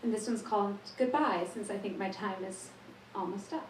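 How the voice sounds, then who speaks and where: A woman reading her own short poems at an open mic, a little nervous and laughing softly between them. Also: medium pitch, moderate pace, a little hiss or hum. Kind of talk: slow spoken-word poetry reading. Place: small studio performance space. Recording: echoey room, far from mic.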